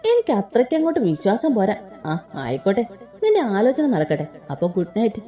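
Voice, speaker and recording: A woman's voice: mid-range voice, wildly swooping pitch, brisk, warm tone, reverberant, soft background music. A woman voicing a sassy young female college student who teases bluntly and snaps back. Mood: teasing. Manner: teasing, blunt and snappy.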